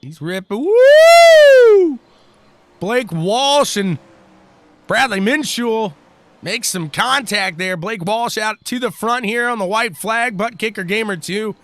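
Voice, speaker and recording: A man calling a sim-racing event live, chatty and excitable, hollering between calls. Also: high voice, unhurried. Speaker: race commentator.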